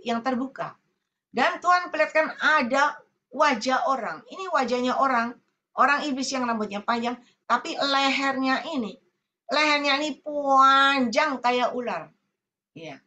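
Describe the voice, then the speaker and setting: A middle-aged woman evangelist preaches over a video call. Her voice sits fairly high and rings bright and sharp. She talks earnestly and keeps turning to her listeners, repeating her key phrases. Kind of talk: sermon over Zoom.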